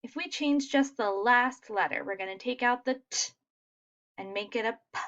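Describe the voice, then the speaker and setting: A woman teaching a phonics lesson to young children, sounding out letters slowly and praising answers. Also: on the high side, a bit bright, highs cut off. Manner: slow, sounding out letters, encouraging.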